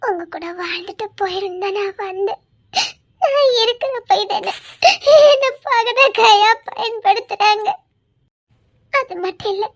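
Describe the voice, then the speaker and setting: A woman voicing a tearful young woman who is torn between her love and a forced mission. She weeps and pleads. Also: very high-pitched. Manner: weeping, pleading, laughing through tears. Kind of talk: audio drama acting.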